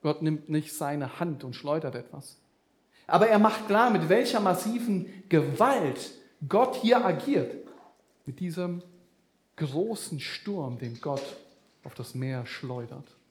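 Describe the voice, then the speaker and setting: A man's voice: on the high side, animated, slow pace, reverberant. A man preaching a sermon, speaking animatedly with vivid comparisons and addressing the listeners directly.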